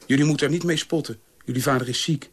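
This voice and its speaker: A man's voice: a little high, fast talker, husky. A man voicing a weary, strict mother who tries to protect her sons. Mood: stern. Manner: stern, hushed.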